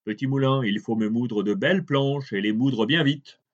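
A man voicing a poor, generous woodcutter in a calm, plain voice. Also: mid-range voice, normal speed, lightly acted. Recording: dull lo-fi recording.

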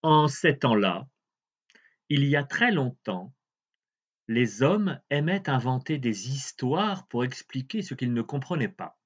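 Expressive male fairy-tale reader. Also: mid-range voice, husky. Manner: expressive, with drawn-out emphasis. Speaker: storyteller. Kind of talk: reading a fairy tale aloud. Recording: dull lo-fi recording.

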